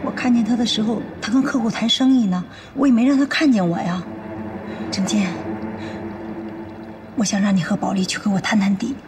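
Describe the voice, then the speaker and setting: An actress playing a worried wife who pleads anxiously with a friend for help. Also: female voice, mid-range voice, fairly quick, long pauses, close to an everyday voice. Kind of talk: TV drama acting. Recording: clear background noise.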